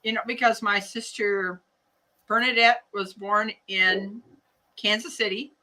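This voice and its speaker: An older woman with a Midwestern American accent and a bright, forward voice at an average pitch. She talks casually and ramblingly, in a folksy way, like someone teaching a craft live. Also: steady tone, unhurried, rough recording. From United States. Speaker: hat loom craft class teacher. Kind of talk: casual live tutorial chat.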